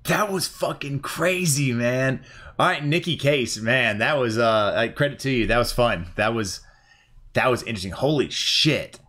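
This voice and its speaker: A man's voice: medium pitch, normal speed, a bit bright. A man casually commentating as he plays a video game, reacting aloud and swearing freely. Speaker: gaming channel host. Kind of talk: casual let's-play commentary. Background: game music.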